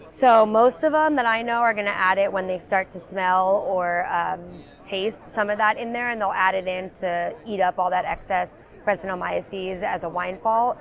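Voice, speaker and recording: A woman's voice: mid-range voice, moderate pace, hardly any pauses. A woman working as a beverage sales representative, explaining ingredients in a trade show interview, with frequent ums and you-knows. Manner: explanatory, many fillers like um and you know.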